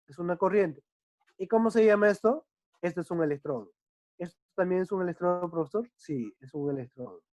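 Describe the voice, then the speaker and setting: A male chemistry teacher explaining a lesson patiently, often checking understanding with quick tag questions. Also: high-pitched, a little mellow, dry recording. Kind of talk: online class explanation. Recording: dull dry lo-fi recording.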